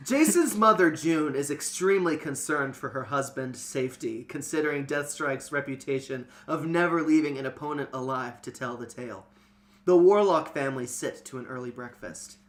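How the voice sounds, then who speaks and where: Hosting and reading, a man tells a story aloud with dramatic emphasis that swells and then fades away. His voice sits on the high side, with lively intonation and a normal pace.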